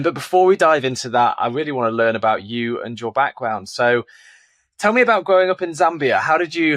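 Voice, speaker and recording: A man's voice: mid-range voice, a bit bright, dry recording, clean studio sound. A man hosting a podcast, asking interview questions in an eager, upbeat way. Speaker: podcast host. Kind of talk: scripted intro, then interview questions.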